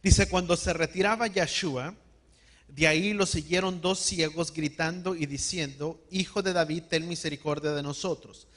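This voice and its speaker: A man preaching a sermon, calling on the congregation to repeat words after him and slowing down to stress key words. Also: on the high side, a bit bright. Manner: call-and-response, has the congregation repeat words. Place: church hall.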